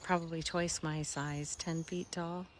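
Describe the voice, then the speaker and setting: Woman, low-ish voice, slow unhurried talk, casual garden tour, faint outdoor noise with birds. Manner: relaxed, musing, trails off mid-sentence. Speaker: garden vlogger.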